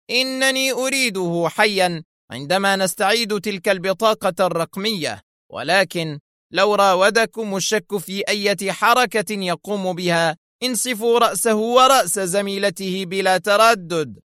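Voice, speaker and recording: A cold, scheming male villain, as a male storyteller puts him on, barking orders with chilly menace. The voice sits well above the reader's usual pitch and grows tense and clipped. The recording is dry and close. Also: a little fast, a bit bright, no echo, lightly acted. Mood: cold, commanding. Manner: cold, commanding and strained.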